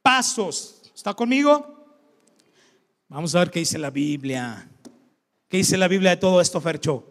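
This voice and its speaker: A pastor preaching in a conversational, back-and-forth way. He tosses questions at his congregation. His voice sits high for a man, and it rings out with a long church-hall echo. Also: lively intonation, measured pace, long pauses, a bit bright. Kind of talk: sermon.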